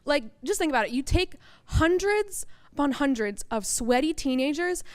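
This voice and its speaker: A woman's voice: high voice, animated, normal speed. A young woman doing a stand-up comedy set on a college stage, blunt and self-deprecating, with casual swearing. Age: young adult.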